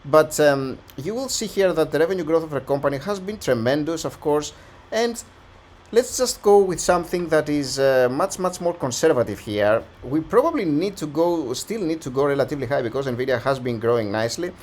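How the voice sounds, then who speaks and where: A man who is slightly hoarse, host of a stock analysis channel, talking through a valuation in a conversational, think-aloud way. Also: on the high side, lively intonation, brisk, darkish tone. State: slightly hoarse, losing his voice. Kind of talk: casual stock analysis walkthrough.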